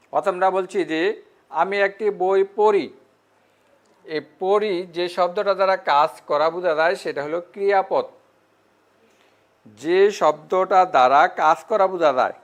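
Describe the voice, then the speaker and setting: Bangladeshi guy teaching grammar, pretty high voice, drags out the example words nice and slow. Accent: Bangladeshi Bengali. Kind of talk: grammar lesson to students.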